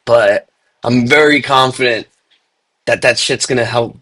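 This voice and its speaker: A man's voice: mid-range voice, unhurried, pushed and bright. A young man hosting a casual crypto chat, laid-back and filling his talk with "dude" and "like". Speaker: podcast host.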